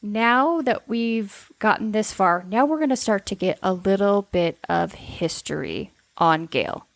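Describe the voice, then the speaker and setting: A woman's voice: medium pitch, expressive, unhurried, creaky, no room sound. Opinionated woman co-host, close dry sound. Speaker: podcast co-host. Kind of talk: casual true-crime discussion.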